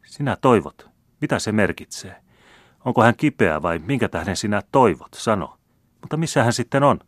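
A man voicing an excitable eighteen-year-old young count, asking question after question. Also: fairly low pitch, no room sound, studio quality, voice pushed up. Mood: anxious. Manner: breathless, questioning.

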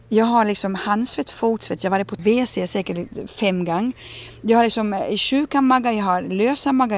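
Being interviewed in a radio conversation, a woman from Ostrobothnia, Finland tells personal stories. Her voice sits at medium pitch, and she's animated, acting out the dialogue she quotes.

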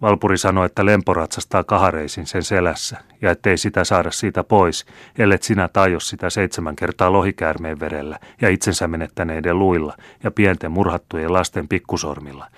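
A humble, worried charcoal burner, voiced by the reader himself, pleads meekly in a deep, low voice. The recording is dry and close. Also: male voice, fairly even intonation, a bit bright, no echo. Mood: pleading. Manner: meek, pleading.

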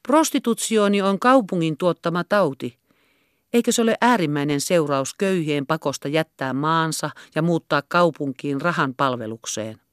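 A woman reading the part of a composed society lady who answers gently and carefully. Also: low voice, animated, clear, resonant tone, dry recording, studio quality. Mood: gentle.

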